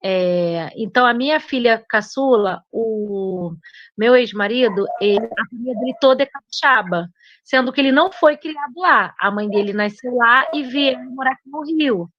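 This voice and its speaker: A middle-aged woman student telling a personal story in class, halting and searching for words. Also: a little high, no echo, dull audio. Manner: hesitant, with many fillers and restarts.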